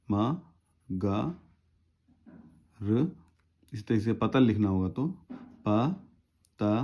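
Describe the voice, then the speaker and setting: A man's voice: medium pitch, a little mellow, lo-fi sound. A man teaching shorthand in a tutorial, patiently spelling out words syllable by syllable. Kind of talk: step-by-step tutorial explanation.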